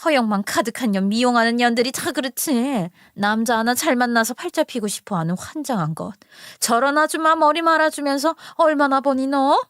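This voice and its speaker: A woman's voice: high-pitched, fairly quick, a bit bright, dry recording, clean studio sound. A woman voicing a sneering snobbish mother-in-law. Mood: contemptuous. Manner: scornful, insulting, bossy. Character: haughty middle-aged woman, snobbish professor mother-in-law.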